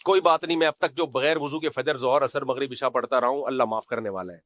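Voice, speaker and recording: A man's voice: mid-range voice, fairly bright tone, no room sound, close to an everyday voice. A man voicing a whiny grown man who sighs and drawls as he waves away his own past mistakes. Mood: mock-lamenting. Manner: drawling, mock-sorrowful sighs.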